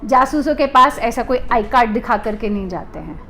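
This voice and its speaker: A woman from India who runs a private detective agency, explaining to the camera in a deliberate way and restating her points for emphasis. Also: on the high side, fairly bright tone, faint music behind.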